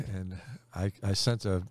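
A man from Mexico, a pastor and co-host, leading prayer and quoting scripture with dry humor. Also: sits low. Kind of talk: prayer and Bible discussion.

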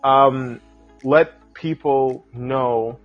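A man's voice: medium pitch, steady tone, extremely slow, lo-fi sound, faint music behind. A man hosting a podcast, reading a scripted intro and then chatting with an upbeat, hyped-up delivery. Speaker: podcast host.

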